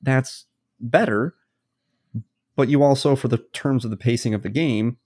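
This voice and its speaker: This game master co-hosting a podcast has a mid-range, slightly mellow voice with a breathy edge and speaks at a moderate pace. His explanations run long and casual, packed with worked examples, and are captured on a podcast studio mic.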